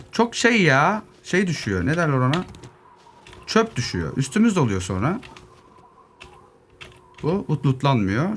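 Young male gamer, playful running commentary with wide pitch swings, faint keyboard typing behind. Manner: lively, joking asides to zombies, muttering while looting. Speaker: gaming YouTuber. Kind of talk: casual solo gameplay commentary. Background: keyboard clicks, faint noise.

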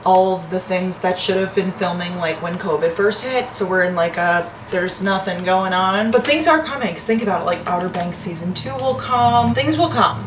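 Standing back from a camera propped on her kitchen counter, a young woman in her twenties vlogs cheerfully, rambling with constant "like" fillers. She sounds a little hoarse and lowish in pitch. The distance adds apartment echo, and a steady hum runs in the background.

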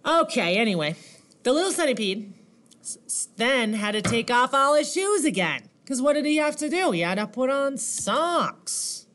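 Animated woman reading to kids. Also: high-pitched, moderate pace. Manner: animated, questioning, counting along. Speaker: teacher reading to children. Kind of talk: reading a picture book aloud.

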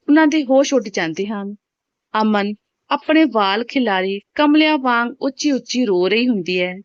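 Woman storyteller, steady scripted reading, dry dull sound. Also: fairly high pitch, no echo. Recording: dull, dry home recording.

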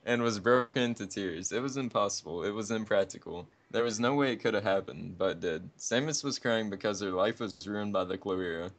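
A young man with a fairly low voice reads a fan fiction in a melodramatic, tongue-in-cheek way. He drops dry side remarks between the lines of the story. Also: fairly quick, few pauses. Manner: hammy, deadpan asides. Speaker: co-reader. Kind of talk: mock-dramatic comedic reading.

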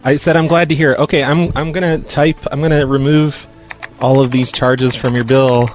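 A man in his forties making a prank phone call, teasing in a deadpan way. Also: medium pitch, moderate pace, faint music behind. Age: 40s. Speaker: prank caller.

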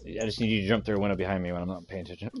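A man's voice: low-pitched, steady tone, rapid-fire, slight background noise. A young man chatting casually over a headset mic while gaming, laughing often and swearing casually. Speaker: gamer in party chat.

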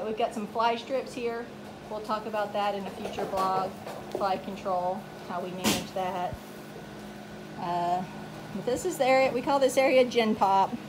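A woman with a higher-pitched voice narrates a casual walkthrough tour of her farm, and there's noise in the background. She records on a handheld phone held behind the camera inside a wooden goat barn whose doors stand open.

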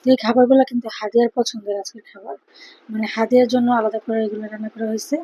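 A woman with a Bangladeshi Bengali accent, talking quietly and tiredly in a casual cooking vlog voice-over, keeping her voice low so she won't wake a sleeping child. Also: little pitch movement, very fast, husky, low-quality recording. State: tired after a sleepless night. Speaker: vlogger, mother cooking for her daughter.

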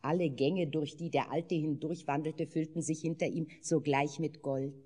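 An older woman narrating a fairy tale in a measured, expressive dramatic reading. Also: sits low, slightly rough.

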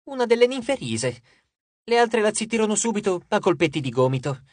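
A man narrating an audiobook with a lively, expressive reading. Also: high-pitched, a little fast, no echo. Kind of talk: scripted narration.

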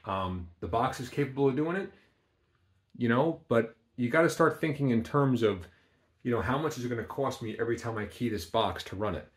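A medium-pitched, animated male voice, a little fast. The man builds amplifiers and gives a casual demonstration of equipment in a small workshop from off camera, plain-spoken and full of ums.

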